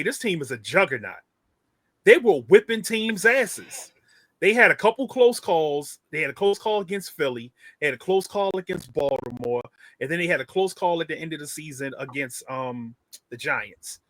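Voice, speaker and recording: Man, casual sports chat, high-ish voice, dry recording, emphatic. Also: dry recording. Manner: animated, emphatic, swearing, repeats phrases. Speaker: podcast co-host.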